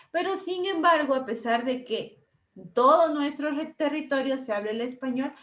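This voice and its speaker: A woman's voice: sits high, reverberant. A woman teacher from Ecuador, giving an online class lecture in an explanatory way and checking in often with tag questions.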